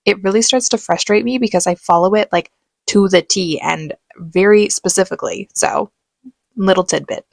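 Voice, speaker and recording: A woman giving relaxed voice-over commentary on her painting tutorial, chatty and self-aware. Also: medium pitch, moderate pace, vocal fry, dry recording. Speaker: art tutorial host.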